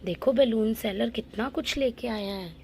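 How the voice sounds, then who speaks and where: A young woman teacher with an Indian English accent leading a phonics lesson for small children, drawing out each word slowly in a sing-song way and asking simple questions. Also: on the high side, creaky, darkish tone, a little hiss or hum. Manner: slow, sing-song drawn-out words with frequent questions.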